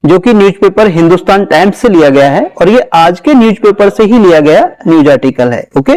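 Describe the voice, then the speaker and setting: A man with an Indian accent, an English teacher, reads a news article aloud and explains it phrase by phrase, slowly, sometimes spelling words out. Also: high voice, a little mellow, rough recording. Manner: slow, explanatory, stresses word pronunciation and spells words out. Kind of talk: reading a news article aloud with line-by-line translation.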